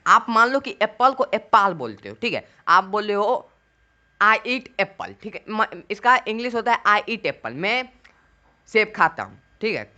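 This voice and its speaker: A man's voice: high voice, pushed and bright. A male teacher, giving an English pronunciation lesson. He asks a question about each key word and answers it himself. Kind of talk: classroom-style video lesson.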